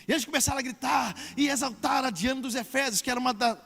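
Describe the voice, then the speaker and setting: High, bright-voiced preaching pastor. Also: male voice, vocal fry, in a large hall. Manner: preaching with loud emphatic swells and drawn-out words. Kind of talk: sermon. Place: church service.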